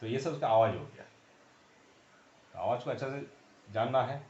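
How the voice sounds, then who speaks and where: A man teaching a shorthand lesson, repeating vowel sounds slowly and pausing to write on a board. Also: medium pitch, lively intonation, a little mellow, slight background noise. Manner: repeats sounds slowly and drills them aloud; pauses often while writing on a board. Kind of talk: classroom explanation. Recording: dull roomy sound.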